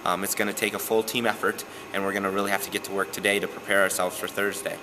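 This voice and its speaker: In an indoor gym after a game, a young softball coach is interviewed, speaking in a low voice. He stays earnest and steady, pausing often on "um," while a noticeable hiss sits beneath the recording.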